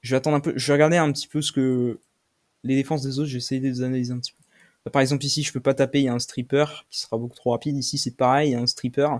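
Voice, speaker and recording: A man's voice: mid-range voice, little pitch movement, rapid-fire. Swearing French-speaking gamer man. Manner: swears often, shouts in frustration at losses. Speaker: gaming streamer. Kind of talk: live game commentary.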